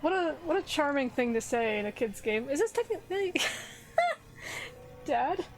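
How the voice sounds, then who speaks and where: A woman's voice: sits high, lively intonation, a little slow. A woman streamer chatting casually with viewers while she plays a video game. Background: faint game music.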